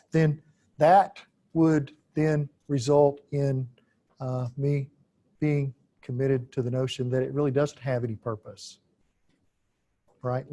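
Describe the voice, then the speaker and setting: A man lecturing on philosophy in an unscripted way, deliberate and halting, with frequent "uh" fillers and key phrases repeated for emphasis. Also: on the high side, darkish tone.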